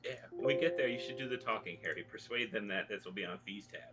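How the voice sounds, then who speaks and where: A man's voice: on the low side, fast talker, sharp tone, husky, faint music behind, rough recording. A man as a player in a tabletop game, joking and scheming with the group. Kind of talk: casual tabletop play.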